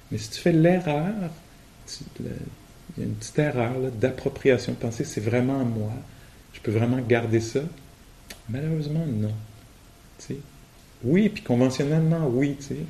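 A man with a Québécois French accent giving a relaxed, colloquial and humorous meditation talk at a retreat, often laughing. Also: mid-range voice, slight background noise. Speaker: meditation teacher. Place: retreat hall.

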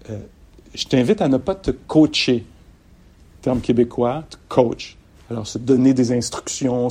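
A man's voice: medium pitch, breathy edge. A middle-aged man giving a mindfulness dharma talk to an audience, often laughing and losing and finding his thread. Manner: warm-humored, laughs often, loses and finds his thread. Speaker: mindfulness meditation teacher.

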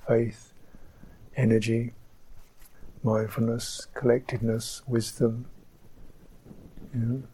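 A man giving a slow, reflective dharma talk as a meditation teacher on a retreat, pausing often. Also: medium pitch, slightly rough, low-quality recording. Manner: slow, reflective, soft-spoken with pauses. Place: retreat centre hall.

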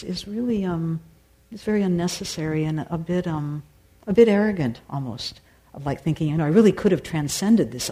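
Here a female meditation teacher and singer handles audience questions after a dharma talk, her low, mellow voice moving thoughtfully, with frequent pauses and restarts as she searches for words.

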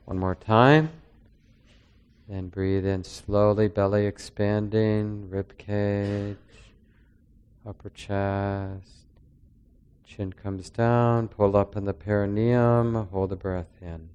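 A low-voiced man leads a breathing meditation in a steady, nearly flat tone. His voice is smooth and clear, and he lets long pauses fall between his soft, calming instructions. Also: muffled recording. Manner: slow, soft-spoken, calming. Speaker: meditation teacher.

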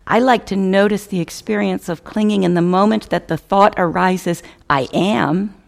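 In a creaky, medium-pitched voice, a woman teaches a guided meditation. Her delivery is measured and contemplative, with short phrases broken up by pauses and softly trailing endings.

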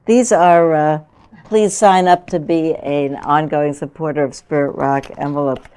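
Speaking to a retreat group, a meditation teacher in her sixties chats informally and warmly, laughing often. Her voice is deep and clean, with a steady tone and a measured pace.

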